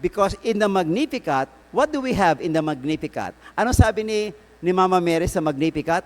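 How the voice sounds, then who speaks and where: A man with a Filipino accent gives a sermon, switching between English and Tagalog and asking his listeners questions. His voice sits fairly high and moves up and down a lot as he tells his story. A long hall reverb trails after his words. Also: lively intonation, a little fast. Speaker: priest. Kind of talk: sermon at a prayer meeting.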